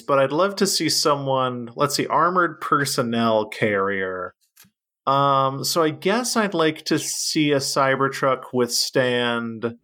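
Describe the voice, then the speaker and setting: Male co-host, deadpan humor, bright forceful tone. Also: mid-range voice. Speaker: podcast co-host. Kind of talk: casual comedic chat.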